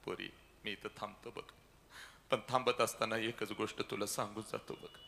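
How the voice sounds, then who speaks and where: A man giving an emotional motivational lecture into a handheld mic, swinging between loud cries and hushed, tearful lows. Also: fairly even intonation, normal speed, gravelly. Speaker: public lecturer.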